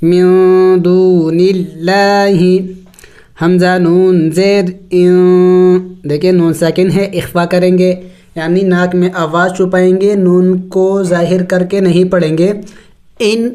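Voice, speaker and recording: Clear-voiced tajweed teacher, slow syllable drills. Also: mid-range voice, flat delivery, mellow. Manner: spells syllables slowly, explains rules briskly. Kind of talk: step-by-step recitation lesson.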